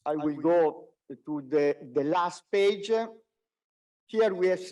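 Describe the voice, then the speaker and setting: A non-native English-speaking executive gives a business results presentation over conference-call audio from a distant mic. His voice is a little high, darkish, and slow, and he frequently hesitates and repeats himself.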